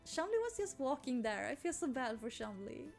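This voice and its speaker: Very animated and high-pitched with vocal fry and a slightly mellow quality, a young Swedish YouTuber narrates her gameplay at normal speed. Her casual, rambling let's play chatter, in a Swedish accent, includes frequent apologies and squeals over anything cute, with game music faintly playing.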